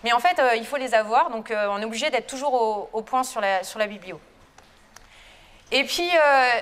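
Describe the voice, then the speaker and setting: A woman's voice: high voice, a bit bright, big-room sound. A French woman, a lecturer and researcher, giving a chatty, informal conference talk to students with frequent hesitations. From France. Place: lecture hall.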